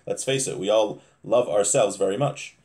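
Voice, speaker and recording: In a small room at home, a man in his thirties teaches an informal religious lesson, reading Hebrew phrases and explaining them in English while often repeating and rephrasing. His voice sits lowish with a darkish tone, and he speaks at a moderate pace.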